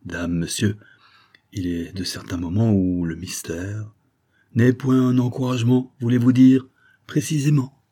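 A man's voice: lowish voice, fairly even intonation, measured pace, mellow, voice pushed up. A man reading the part of a courteous, eager young nobleman in an audiobook, polite and somewhat agitated. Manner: polite, earnest, a little agitated.

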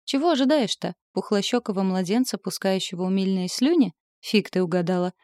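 A woman's voice: medium pitch, fairly quick, darkish tone, no room sound, studio quality, natural voice. A woman reading the part of a scornful male demon knight in a storybook, speaking in a sneering, taunting way.

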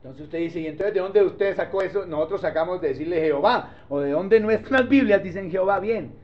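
A man's voice: high voice, fairly quick. A male pastor, teaching a sermon in a conversational way and often checking that the congregation follows. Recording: dull lo-fi sermon recording.

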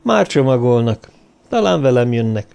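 A man's voice: medium pitch, very animated, creaky, a little mellow, clean tone. A man voicing a tired, indifferent woman in an audiobook, speaking in a raised, weary tone. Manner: weary, detached.

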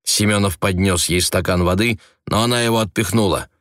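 A man reading a novel aloud as audiobook narrator, measured and even. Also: low voice, no room sound, studio quality.

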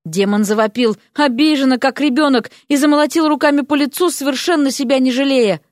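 A woman narrating a fantasy story in an expressive, lively reading. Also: high-pitched, brisk, no echo, studio quality. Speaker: audiobook narrator.

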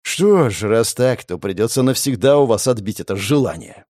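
A man's voice: mid-range voice, animated, moderate pace, a little mellow, dry recording, clean studio sound, natural voice. A man voicing a young male gamer hero who mocks and threatens his enemies, in a raised, grinning tone. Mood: menacing. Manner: mocking, menacing.

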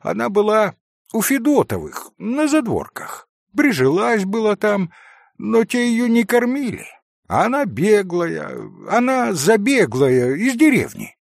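A man reading an audiobook, putting on the voice of an excited, insistent teenage schoolboy. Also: sits high, measured pace, vocal fry, dry recording, studio quality, pitched above the performer's own voice, exaggerated voice. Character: eager, bossy teenage schoolboy, talking fast.

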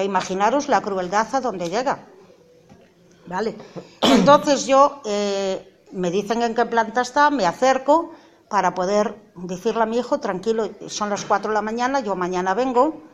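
A middle-aged mother giving an emotional personal testimony, earnest, acting out the dialogue and rising to indignant outbursts. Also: medium pitch.

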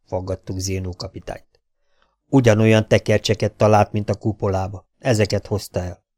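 A man's voice: on the low side, level tone, darkish tone, no echo. A man reading a science fiction audiobook aloud, lifting his voice to act out each character's quoted lines. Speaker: audiobook reader.

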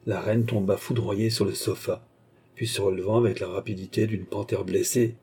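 A man narrating a classic novel as an audiobook, in a measured, dramatic way. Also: lowish voice, steady tone, darkish tone, breathy edge.

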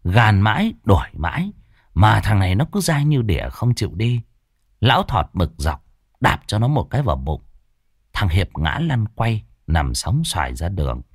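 A man narrating a story in a lively, colloquial storytelling manner. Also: fairly low pitch, moderate pace, husky, dry recording, clean studio sound.

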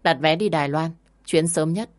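A curt, commanding wealthy father , read by a woman narrator in a storybook drama. He gives orders in short, clipped lines, in a low voice. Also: normal speed, close to an everyday voice.

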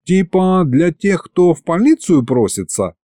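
A man's voice: high-pitched, very animated, measured pace, dark tone, no room sound, clean studio sound, voice pushed up. A man voicing a touchy male demon who runs the city police and talks in thuggish street slang. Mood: casual report.

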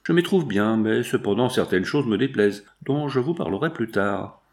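A man reading the lines of an earnest young fiancé in an audiobook, calm and steady. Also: on the low side, moderate pace.

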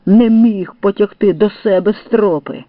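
A man's voice: high-pitched, big pitch swings, moderate pace, no echo, pitched above the performer's own voice. A man voicing a grumbling, scolding male paratrooper who tells off a comrade in a read-aloud story. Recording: tinny phone-like dry sound.

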